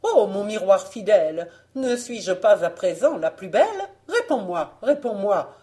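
A woman voicing a wicked, vain queen who schemes and rages, in an audiobook fairy tale, her voice going high and shrill. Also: animated, measured pace, warm tone, natural voice. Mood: vain, imperious.

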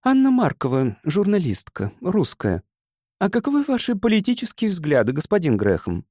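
A sharp, forthright woman journalist in her thirties, acted by a male narrator in a spoken book. The voice sits higher than his own, with dry, close-miked sound. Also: huge pitch swings, moderate pace, dry recording, full character voice. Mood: probing.

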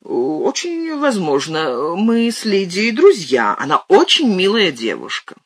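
A man's voice: high voice, huge pitch swings, takes it slowly, fairly bright tone, no echo, clean studio sound, pitched above the performer's own voice, exaggerated voice. A man voicing a languid, evasive young charmer. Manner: languid, wounded dignity. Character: young lazy charming student brother, evasive.

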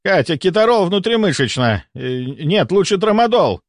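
A man's voice: high-pitched, big pitch swings, measured pace, fairly bright tone, no echo, clean studio sound, voice pushed up, heavily acted. A man reading aloud, voicing an arrogant, flustered male doctor who snaps in outbursts.

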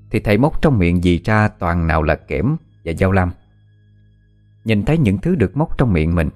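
A deep-voiced man tells a scripted horror story at an even, measured pace. Soft music plays faintly beneath his voice.

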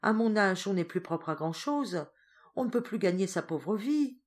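A woman voicing a greedy, scolding older peasant woman in a storybook reading, with a shrill, grumbling and wheedling manner. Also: animated, normal speed, darkish tone, natural voice.

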